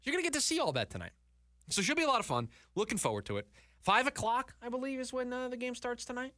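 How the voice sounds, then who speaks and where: Lively, bright-voiced male sports radio host. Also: very high voice, fast talker, no room sound, clean studio sound. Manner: animated, repeats words when emphatic. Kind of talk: sports talk radio chat. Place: radio studio. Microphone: studio mic.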